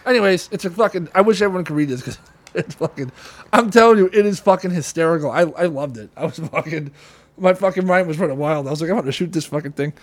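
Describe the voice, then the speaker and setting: A man with a notably high voice tears into a script in casual chat. He swears constantly, mocks it with animated outbursts, and stumbles over quick restarts.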